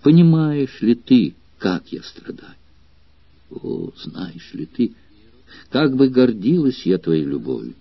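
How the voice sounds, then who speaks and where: Hushed tearful young woman, read by a man, husky, muffled lo-fi sound. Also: mid-range voice, sing-song, takes it slowly, no room sound, full character voice. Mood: anguished. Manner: hushed, breathy, near-whispered pleading. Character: trembling young woman, tender and sorrowful.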